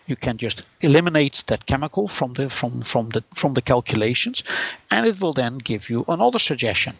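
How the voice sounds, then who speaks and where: A man with a Dutch accent talks through a technical explanation in a halting way, with restarts and repeated words. His voice is heavily gravelly and husky. The recording sounds dry and a little dull. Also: a little high, dry recording. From Netherlands. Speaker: guest software developer. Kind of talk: podcast interview.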